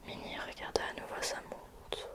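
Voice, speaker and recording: Woman whispering a bedtime story asmr style, super quiet night-time voice, soft and soothing, like talking to a kid. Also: normal speed. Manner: gentle asides to the listener, as if to a child.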